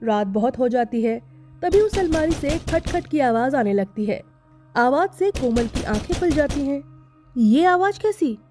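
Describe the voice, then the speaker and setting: A woman narrating a scripted animated story in a steady storytelling manner. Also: high-pitched, normal speed, music in the background.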